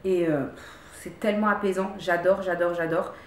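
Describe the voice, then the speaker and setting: A woman's voice: fairly low pitch, fairly even intonation, moderate pace, echoey room. A woman vlogger casually reviewing her favorite products at home, chatty, repeating words and stopping to restart often. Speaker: beauty vlogger. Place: room at home.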